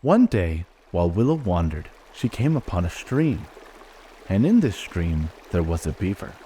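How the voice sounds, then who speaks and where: A man gently reading a children's storybook aloud in an expressive way. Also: sits low, normal speed, breathy edge. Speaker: narrator.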